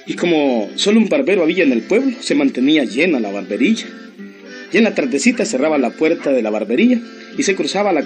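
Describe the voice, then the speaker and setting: A man narrating a radio play, telling the story to a listener. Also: on the high side.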